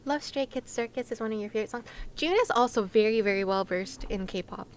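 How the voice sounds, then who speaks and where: A young woman hosting a livestream chats casually with viewers over a game at a brisk pace and medium pitch. She's playful, giggly and quick to exclaim. Game music plays behind her voice, with a little hiss or hum in the recording.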